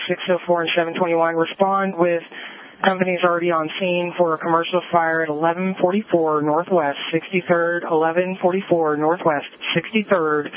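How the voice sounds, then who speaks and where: A man working as a fire dispatcher, reading out units, addresses and codes in a clipped way over a two-way radio. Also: on the high side. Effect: heard over a two-way radio. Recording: tinny radio channel.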